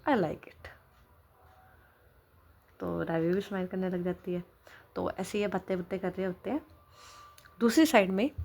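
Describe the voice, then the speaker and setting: A woman narrating a story in a relaxed, conversational way. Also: medium pitch.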